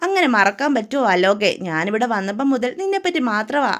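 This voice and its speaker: A woman's voice: a little high, big pitch swings, brisk. Woman voicing a defensive young woman. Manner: defensive, sharp retorts.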